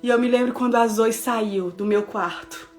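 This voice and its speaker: A woman pastor in her thirties preaches a devotional talk with a fairly high voice. She tells her story expressively, dramatizing the moments and turning often to address her listeners. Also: moderate pace, darkish tone, faint music behind. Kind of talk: devotional sermon with a personal story.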